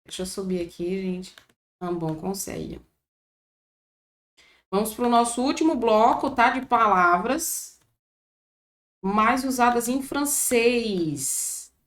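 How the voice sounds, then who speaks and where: A woman with a Brazilian Portuguese accent teaching a vocabulary lesson, slowly repeating each word for her students. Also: a little high, lively intonation, fairly bright tone. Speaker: French teacher. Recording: echoey room.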